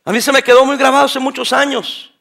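A man's voice: extremely high pitch, little pitch movement, quick pace, gravelly, a bit bright. A middle-aged man preaching a sermon as pastor, emphatic and full of rhetorical questions to his congregation.

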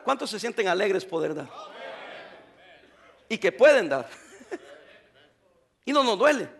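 A man's voice: very high voice, creaky, fairly bright tone. A male pastor, preaching a sermon emphatically, asking rhetorical questions and chuckling between points.

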